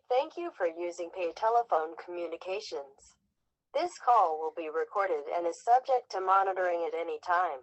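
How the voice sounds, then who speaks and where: A woman voicing an automated prison phone operator, heard as a flat recorded announcement over a prison phone line. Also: fairly low pitch. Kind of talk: scripted drama. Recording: dull tinny phone line.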